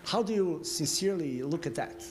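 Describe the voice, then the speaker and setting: In a gallery lecture room during a conference Q&A, a man from the audience poses a provocative, playful question and acts out hypothetical scenarios. His voice is fairly high with lively intonation, and he speaks at a moderate pace.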